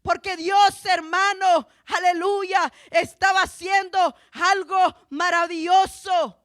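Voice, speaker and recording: A woman preaches a fervent church sermon, calling her listeners brothers and sisters and stretching out every phrase. Her voice sits very high and her pace is slow and deliberate, and she breaks into shouts at the key points. The sound is dry and close. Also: steady tone, no room sound. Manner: fervent, drawn-out delivery, peppered with "hermanos" and "aleluya".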